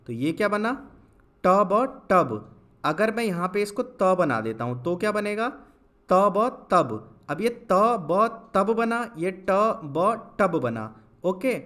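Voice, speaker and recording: A young man teaching a lesson, spelling words out slowly syllable by syllable and answering his own questions. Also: high voice, fairly bright tone. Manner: asks questions and answers them himself, drawn-out syllable-by-syllable spelling. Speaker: Hindi teacher. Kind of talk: classroom-style lesson.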